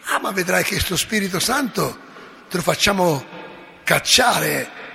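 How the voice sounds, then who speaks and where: A man's voice: high voice, takes it slowly, exaggerated voice. A man doing a blustering, menacing Roman judge. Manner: loud, blustering threats. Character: menacing male Roman judge, scornful and threatening. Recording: echoey hall.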